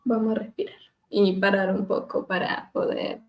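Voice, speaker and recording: A woman speech therapist leading a webinar on voice care, gently demonstrating hums and glides over a video call and laughing at herself now and then. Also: mid-range voice, little pitch movement, normal speed, creaky. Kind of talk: live webinar lesson on vocal exercises.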